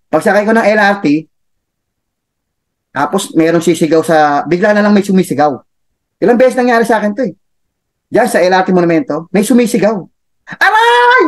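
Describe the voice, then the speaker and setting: A man giving a chatty motivational talk, laughing often and tossing in tag questions. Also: high voice. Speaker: motivational speaker for a business club.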